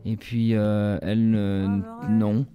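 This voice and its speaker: A man's voice: lowish voice, level tone, phone-quality sound. Man, songwriter talking casually, hesitant, guitar playing behind. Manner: halting, hesitant. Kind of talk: casual spoken song introduction.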